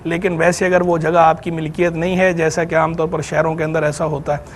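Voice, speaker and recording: A man's voice: fairly high pitch, little pitch movement, fairly quick, a little hiss or hum. A man with a Pakistani Urdu accent, an Islamic scholar on a TV program, explaining religious rules and grammar patiently and methodically. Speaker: Islamic scholar answering questions. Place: TV studio.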